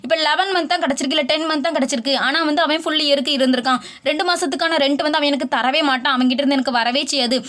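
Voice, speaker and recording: Woman, tax teacher, video lesson, quick delivery, high voice, drops in English legal terms. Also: steady tone, a bit bright. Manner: mixes English legal terms into Tamil, reads rule text slowly; brisk, repeats points in plain words. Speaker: tax tutor. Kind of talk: explaining income tax rules in a video lesson.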